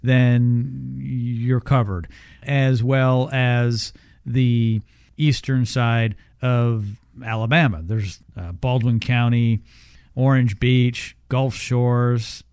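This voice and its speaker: A male radio host talks to listeners over a radio in a mid-pitched voice. The sound is very dry, with no room around it. He delivers details in measured, separate groups. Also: flat delivery, a little mellow, clear, resonant tone, no echo. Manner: repeats a phone number in measured groups. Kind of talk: radio talk show hosting over a radio.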